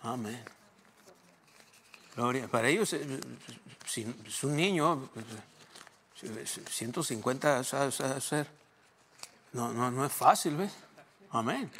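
A man from Mexico with a Mexican Spanish accent, preaching a sermon as a pastor. He drops to low murmurs and then rises to loud, shouted preaching. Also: expressive, takes it slowly, long pauses, slight background noise.

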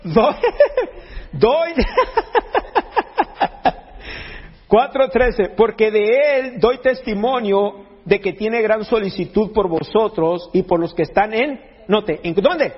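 A man preaches with a high, husky voice. He jokes and restarts phrases as he goes, and his words ring through a long hall echo on a dull, lo-fi recording. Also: a little slow. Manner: jokey, conversational preaching with frequent restarts. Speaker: pastor. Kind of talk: sermon.

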